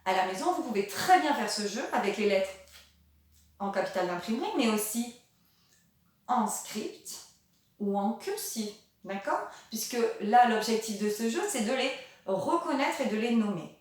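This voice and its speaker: A woman teacher talking slowly and patiently to young children, switching between French and English and asking exaggerated questions. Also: a little high, expressive. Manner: sings nursery songs. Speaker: kindergarten teacher. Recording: very echoey room, voice from a distance.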